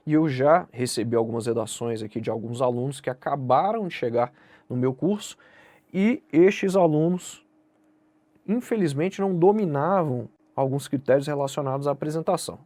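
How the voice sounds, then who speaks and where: A man's voice: medium pitch, a little mellow, no echo. A Brazilian man teaching an online exam-prep lesson, speaking directly to the viewer and asking and answering his own questions. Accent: Brazilian Portuguese. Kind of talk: online lesson explaining essay grading.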